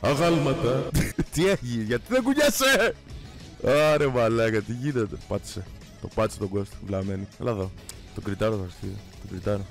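A young man giving casual, excitable gameplay commentary, swearing and breaking into sudden shouts, his voice strained from shouting. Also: lowish voice, faint music behind. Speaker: gamer streamer.

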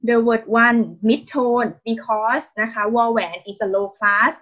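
A woman with a Thai accent teaches an online language class, speaking very slowly and patiently in a fairly high voice. She keeps encouraging her students with praise and polite particles. The video call audio sounds dull and muffled. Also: fairly even intonation, a bit bright. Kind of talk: online Thai lesson, mixing Thai and English.

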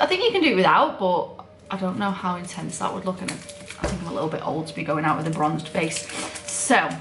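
A woman's voice: medium pitch, background noise. Tired, rambling woman in an echoey room. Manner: rambling, chatty, self-deprecating, lots of fillers. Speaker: student nurse vlogger. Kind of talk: casual chatty vlog. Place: home, indoors. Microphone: camera set down nearby.

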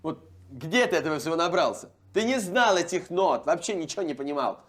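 A cynical pop producer played by a man talks down to his star with sarcastic scorn. His voice sits high for a man and swings up and down all the time. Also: animated, quick pace, close to an everyday voice. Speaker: music producer. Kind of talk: comedy sketch acting.

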